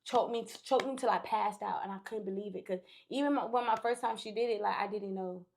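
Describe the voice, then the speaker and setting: A woman's voice: medium pitch, fairly quick, gravelly, a little hiss or hum. A woman guest on a podcast, casually telling a long story with profanity and acted-out quotes. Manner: animated, profane, acts out quotes.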